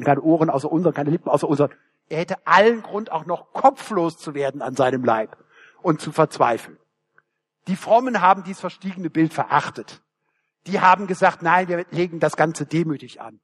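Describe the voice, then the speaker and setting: Older guy, high voice, preaching a sermon, emphatic with dry ironic asides. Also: slightly rough. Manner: emphatic, varies pace for stress, ironic asides. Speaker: preacher and theology lecturer.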